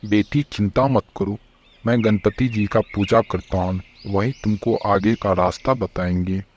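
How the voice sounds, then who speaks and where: A man voicing a calm, wise old holy man in a cartoon story, speaking reassuringly. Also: on the low side, a little slow, slight background noise, close to an everyday voice. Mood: solemn. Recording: dull lo-fi sound.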